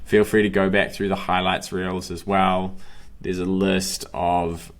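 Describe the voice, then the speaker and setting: The delivery is flat and a little slow, the voice sitting low, as a young running coach sums up his course for the camera. His phrases stay short, upbeat and motivational, fitting his role coaching running and breathing.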